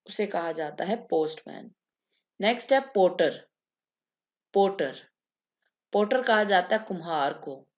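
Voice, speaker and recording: A woman teaching English vocabulary, repeating each word and explaining it slowly. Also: lowish voice, dull audio. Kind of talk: vocabulary lesson.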